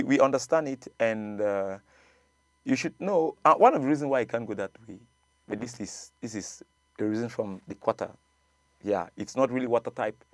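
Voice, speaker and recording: A man's voice: lowish voice, a little mellow, dry recording. A man with a Nigerian accent, a coach, arguing his point in a casual debate, repeating words and laughing often. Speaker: coach and show guest.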